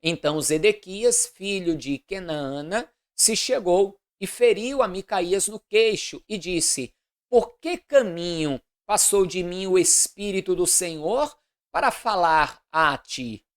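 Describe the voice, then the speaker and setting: Woman, slightly low voice, steady deliberate scripture reading with commentary. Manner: measured, deliberate reading aloud. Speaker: Bible reader.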